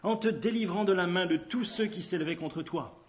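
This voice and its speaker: Man reading a solemn messenger, formal and declaiming, high voice, dull recording. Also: moderate pace, natural voice. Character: solemn royal messenger bringing news.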